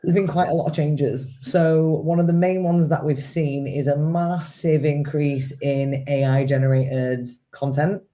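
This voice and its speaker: A woman answering interview questions in a measured, explanatory way, with a croaky voice from a cold. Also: low voice, little pitch movement, warm tone. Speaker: guest, social media business owner.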